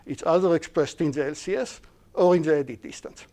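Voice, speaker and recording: Teaching algorithms over a live stream, this male lecturer, a Hebrew speaker using English, builds his explanation one step after another. His voice is gently mellow and a little high, and he pauses to restart and correct his points.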